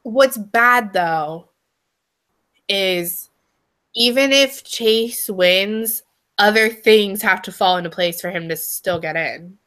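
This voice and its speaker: Bright-voiced chatty young woman. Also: medium pitch, slow pace. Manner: chatty, emphatic, with frequent "like" and "um". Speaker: podcast co-host. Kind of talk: casual chat.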